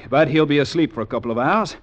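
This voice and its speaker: A man's voice: fairly high pitch, expressive, fast, lightly acted. A man playing a wry, cool American adventurer from Virginia. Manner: wry, easygoing, confident.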